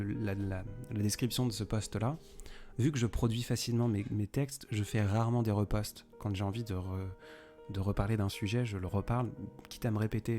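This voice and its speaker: A man's voice: lowish voice, mellow. A young man hosting a live stream, chatting casually and rambling as he answers viewers by name. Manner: rambling, improvised, talks straight to viewers by name. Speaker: poet and live-stream host.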